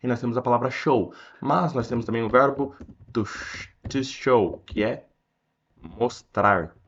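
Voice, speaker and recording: A man with a Brazilian accent teaching English, explaining a text line by line and reading the English sentences slowly. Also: mid-range voice, fairly bright tone, muffled recording, slight background noise. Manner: slows down to read English sentences aloud.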